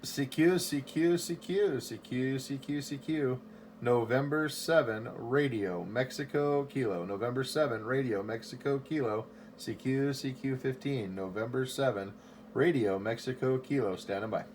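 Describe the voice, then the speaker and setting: A man making a ham radio call from his home station, calling CQ over and over, spelling his call sign in phonetic alphabet in a steady, repetitive way. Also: medium pitch, moderate pace, noisy background. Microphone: station microphone.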